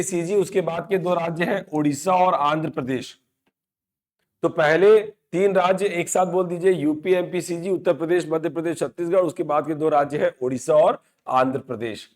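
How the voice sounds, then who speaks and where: A male teacher giving a classroom lecture for exam preparation. He asks questions and answers them himself, and repeats the key points. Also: on the high side.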